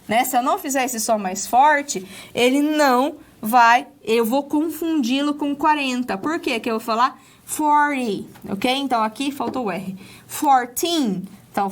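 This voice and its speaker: A Brazilian woman with a high voice and a Brazilian Portuguese accent teaches English in a recorded lesson. She walks through the material step by step, often checking in with "ok?"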